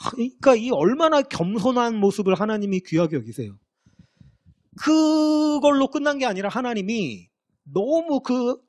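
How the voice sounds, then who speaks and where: A male pastor preaching in a chatty, storytelling manner, with a voice that is high for a man and swings widely in pitch. He asks the congregation questions and slips into the voices of the people in the story. The sound is dry and close to the mic, with no room echo. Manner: conversational, lively storytelling with acted quotes. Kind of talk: sermon.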